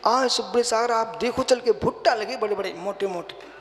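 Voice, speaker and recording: High-voiced monk preaching in a reverberant hall. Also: male voice. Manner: impassioned, rising to loud exhortation and slow chanting. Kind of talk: sermon.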